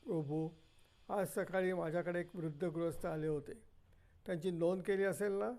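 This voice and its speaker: A man voicing a kindly elderly retired teacher who speaks gently and encouragingly. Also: high voice, fairly even intonation, moderate pace.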